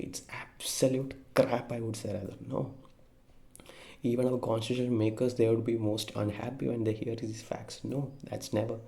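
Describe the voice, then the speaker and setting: A man's voice: lowish voice, creaky, mellow. A young Indian man with an Indian English accent, giving an earnest, emphatic opinion monologue to camera with frequent fillers and self-corrections. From India (Kerala). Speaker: vlogger.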